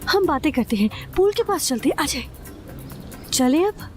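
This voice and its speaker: A flustered, coaxing young reporter. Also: female voice, sits high, big pitch swings, normal speed, darkish tone, faint music behind. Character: young woman, nervous and coaxing. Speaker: journalist.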